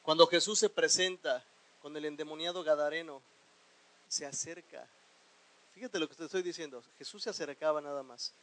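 A man's voice: on the high side, normal speed, poor audio. A pastor preaching a sermon. He asks the congregation questions and has them repeat phrases after him. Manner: animated preaching with sudden loud bursts.

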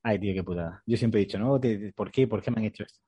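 A man's voice: on the low side, rapid-fire, warm tone, slightly rough, no echo, highs cut off. A man with a Spain Spanish accent, hosting a podcast, casual and joking, asking long rambling questions. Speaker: podcast host.

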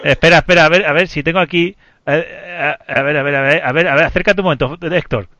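A man hosting a casual panel chat, animated, stammering and repeating words as he steers the talk. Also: on the high side, quick pace, muffled recording, a little hiss or hum. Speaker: podcast host.

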